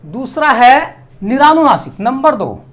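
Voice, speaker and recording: A man teaching a grammar lesson, slowly spelling out and repeating each vowel sound. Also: extremely high pitch, big pitch swings, fairly bright tone.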